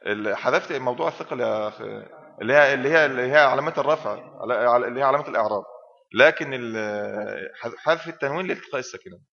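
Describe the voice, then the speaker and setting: A man with an Egyptian accent teaches a class as a sheikh, quizzing his students at a brisk pace and prompting them to finish his sentences. His voice is bright and forceful. The dull, lo-fi recording rings with a long hall reverb. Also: medium pitch, creaky. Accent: Egyptian Arabic. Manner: prompts students with questions and fills in answers.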